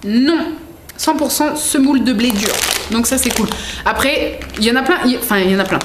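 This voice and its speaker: A woman's voice: a little high, a little fast. A woman vlogging an unboxing in a casual, rambling way, full of fillers and self-corrections. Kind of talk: casual chatty product unboxing. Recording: echoey room with faint background noise.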